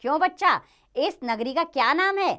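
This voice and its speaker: A woman's voice: high voice, lively intonation, normal speed, bright, forceful tone, voice pushed up. A woman voicing a greedy, cheerful young male disciple who exclaims with delight in a children's play reading.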